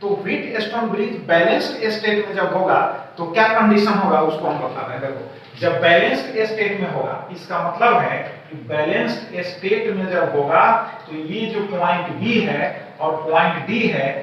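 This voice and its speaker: High-voiced male physics teacher, echoey room. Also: expressive, moderate pace, a bit bright. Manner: explains step by step, often checking with "theek hai". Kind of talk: whiteboard physics lesson. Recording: echoey room, distant mic, dull sound, faint hiss.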